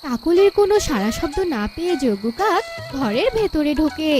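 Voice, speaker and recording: Woman narrator for a folk-tale cartoon, high voice, music under. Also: sing-song, fairly quick, darkish tone. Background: background music.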